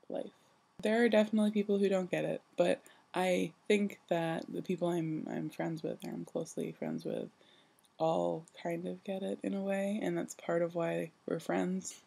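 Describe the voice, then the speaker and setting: Just out of bed, a young adult woman delivers a sleepy, casual personal vlog monologue, rambling in a halting, self-deprecating way. Her husky, creaky voice sits on the low side and has a warm tone.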